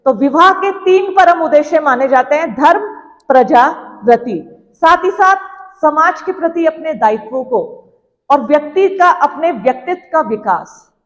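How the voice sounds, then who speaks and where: A woman's voice: sits high, long reverb tail, poor audio. A female teacher giving an earnest classroom lecture, urging students and acting out parents' voices.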